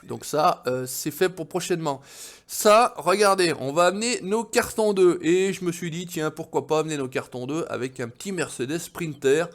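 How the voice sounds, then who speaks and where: A French gaming video host with a fairly high voice and a moderate pace casually commentates a farming game. He's chatty, swears now and then, and addresses his viewers directly.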